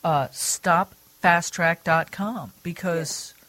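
A woman's voice: slow pace, dry recording. A woman hosting a radio show, chatting casually with guests and laughing easily. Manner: chatty, laughs easily, lively pitch swings. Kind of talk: casual radio interview chat.

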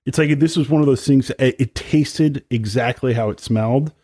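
A man co-hosting a podcast, a musician chatting casually and complaining with drawn-out emphasis. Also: medium pitch, warm tone, slightly rough, no echo, clean studio sound. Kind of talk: casual chat.

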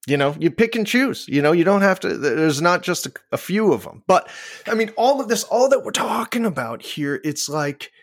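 Rambling man with a higher voice. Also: very animated, moderate pace. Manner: rambling, many fillers. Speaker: podcast co-host. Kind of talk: casual chat.

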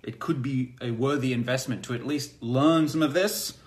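A man giving a blunt, emphatic self-help lecture that turns into a sales pitch, swearing freely. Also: normal speed. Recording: long hall reverb.

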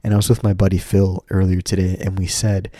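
Alone on a casual podcast, the host rambles to his listeners in an informal, candid way, his nose a little stuffy. He speaks low, brisk and monotone with a warm tone, captured in studio quality with no echo.

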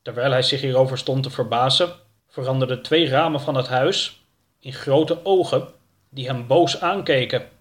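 A man narrating a children's audiobook in a steady, clear reading voice. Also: mid-range voice, moderate pace. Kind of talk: scripted narration of a children's book.

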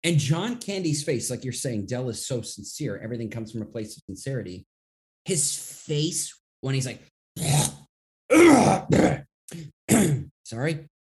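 Man, casual movie chat, expressive pitch, wry jokes. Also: normal speed, slightly rough. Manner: chatty, wry, adds jokes and corrections.

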